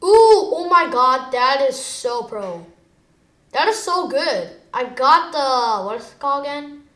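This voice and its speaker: A woman with a fairly high voice talks through her gameplay at an unhurried pace. She chats casually, switching between low mutters and sudden excited outbursts. The voice sits in a roomy, echoey space. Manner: chatty, excitable, wavers between muttering and exclaiming. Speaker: gamer. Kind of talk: gameplay commentary.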